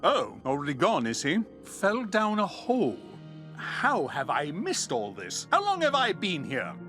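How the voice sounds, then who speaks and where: A man's voice: on the high side, wildly swooping pitch, unhurried, bright, forceful tone, soft background music, full character voice. A man playing a boastful old-fashioned explorer hero in a video game, pompous, theatrical and given to exclaiming. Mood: bombastic, surprised. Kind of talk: video game character acting.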